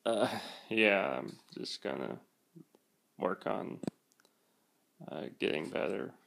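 Very slow, creaky-voiced young man, sounding unwell. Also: deep voice, expressive, a bit bright, slight background noise. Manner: halting, hesitant, trailing off. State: feeling sick, achy and nauseous. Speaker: vlogger. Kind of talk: casual vlog talk.

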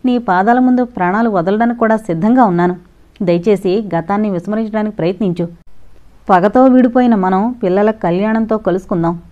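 A woman's voice: mid-range voice, natural voice. A woman voicing an anguished middle-aged father and college principal, pleading earnestly, in an audio novel on a dull lo-fi recording.

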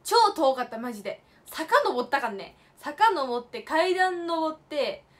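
High-voiced chatty young woman streamer. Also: animated, unhurried. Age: late teens. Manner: chatty storytelling with playful emphatic asides; switches between polite and slangy casual speech. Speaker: idol livestream host. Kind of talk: casual livestream chat.

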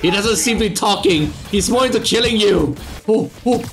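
A man's voice: sits high, normal speed, slight background noise. A man giving joking, casually swearing game commentary with mock exasperation. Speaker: gameplay video maker and commentator. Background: video game music.

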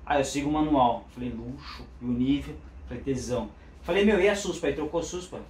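A man's voice: mid-range voice, fast, darkish tone. A man casually telling a story and acting out both sides of the conversations. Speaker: motorcycle vlogger. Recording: roomy room, mic at a distance, faint background hum.

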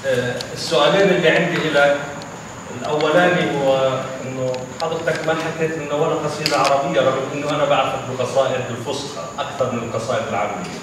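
Fast-talking man, far off in an echoing hall. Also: on the high side, steady tone. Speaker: audience questioner. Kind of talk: formal question at a public event. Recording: echoey hall from far off, noisy.

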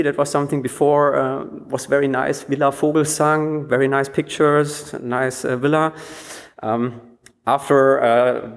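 A man telling a personal story at a conference, hesitant, with many fillers and restarts. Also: mid-range voice. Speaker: conference speaker. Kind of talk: anecdotal conference talk. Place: conference hall. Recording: long hall reverb.

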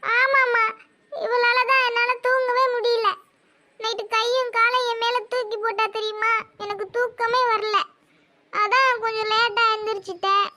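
A woman voicing a sulky little girl, the youngest daughter, with a pouting, drawn-out way of speaking. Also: extremely high pitch, little pitch movement, bright, forceful tone, dry recording. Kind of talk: animated cartoon voice acting.

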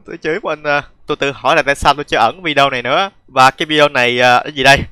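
A man's voice: medium pitch, fairly even intonation, racing, pushed and bright, clean tone, no room sound. A young man, laughing often and poking fun at himself while reacting to his old gaming videos. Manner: laughs often, self-mocking and chatty. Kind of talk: casual reaction commentary.

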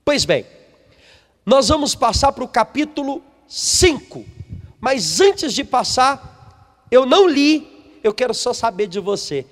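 A man, a missionary, preaches a sermon in a large hall, reading from a book and posing questions to the congregation. His very high voice is extremely animated and emphatic, and he speaks slowly with long pauses.

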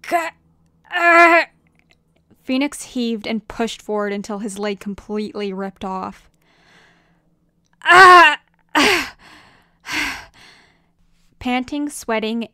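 Woman narrating a story, smooth. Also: mid-range voice, no room sound, clean studio sound. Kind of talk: fan fiction audiobook reading.

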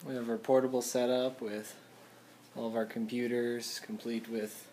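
A man's voice: mid-range voice, little pitch movement, moderate pace, warm tone, slight background noise. A young man in his garage, casually walking through his projects and explaining each piece as he goes. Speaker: hobbyist vlogger. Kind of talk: casual show-and-tell. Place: home garage, indoors. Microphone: handheld camera.

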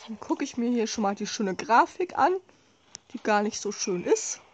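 A woman's voice: fairly high pitch, lively intonation, moderate pace, slight background noise. A woman giving casual, wry, sarcastic commentary as she plays a horror game. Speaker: let's play host.

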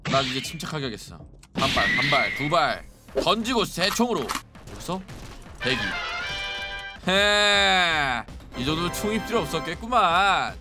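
Excitable young man yelling over game music. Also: on the high side, unhurried. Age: 20s. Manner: excitable, yells and shouts at the game. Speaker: game streamer. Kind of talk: playing a game on stream.

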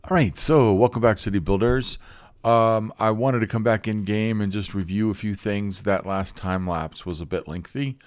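A man hosting a city-building game channel, explaining his build in a relaxed, casual commentary with frequent fillers. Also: lowish voice, normal speed, slight background noise. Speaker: video game channel host.

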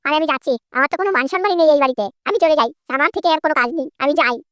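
A woman's voice: sits high, animated, rapid-fire, a bit bright, a little hiss or hum. A woman voicing a sulky, bratty grown son in a cartoon, whining and complaining about his family. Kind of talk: comic Bengali cartoon voice acting.

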